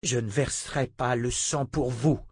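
A man's voice: mid-range voice, fairly even intonation, a little slow, breathy edge, no room sound, studio quality. A man voicing an indignant, principled young swordsman in an audiobook reading. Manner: indignant, protesting.

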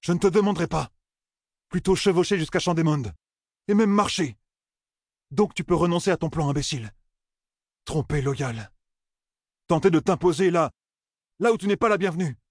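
A man's voice: on the high side, normal speed, long pauses, dry recording, studio quality, pitched above the performer's own voice. A man reading an audiobook voices a stubborn, hot-tempered young man who refuses to back down. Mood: indignant. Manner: indignant, raising his voice.

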